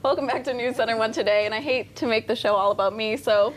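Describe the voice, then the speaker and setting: A woman's voice: fairly high pitch, fast talker. A woman morning news anchor, emotional and tearful, thanking her co-workers on air. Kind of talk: on-air farewell chat.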